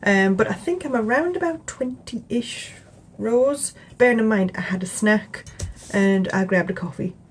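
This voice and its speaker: A young British woman giving a relaxed, rambling crochet tutorial at home, chatting casually with plenty of fillers. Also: mid-range voice, a little slow, hardly any pauses, husky, poor audio. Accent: British English. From England. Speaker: crochet vlogger. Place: home, indoors.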